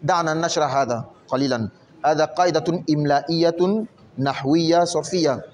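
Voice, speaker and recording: A man in a teaching role, talking in a slightly high voice. He reads a passage, then explains it patiently and keeps asking quick questions to check that the listener follows. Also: darkish tone, slight background noise. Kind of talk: reading aloud and explaining a story lesson.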